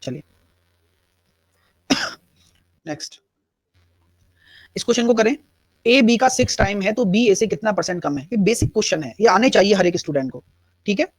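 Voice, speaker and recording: A man's voice: high voice, lively intonation, normal speed, long pauses, no echo. A man teaching a live online math class, explaining step by step and answering students' chat questions. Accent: Hindi-English mix.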